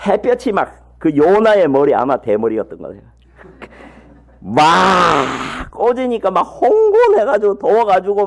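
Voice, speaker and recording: A man preaching a sermon as a missionary, telling the story in a lively, folksy way and asking his congregation rhetorical questions. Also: high-pitched, gravelly. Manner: folksy, humorous asides.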